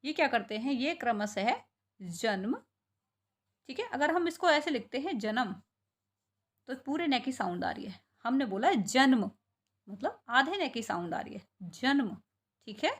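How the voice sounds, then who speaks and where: A woman's voice: high-pitched, sing-song, normal speed. A woman teaching a class, spelling out words sound by sound and asking questions she answers herself. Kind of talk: classroom lesson.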